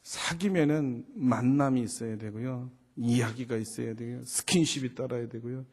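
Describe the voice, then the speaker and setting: A man's voice: steady tone, moderate pace, darkish tone. A pastor in his fifties preaching a sermon in a conversational storytelling way, asking rhetorical questions and acting out dialogue. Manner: acts out dialogue with rising pitch and volume.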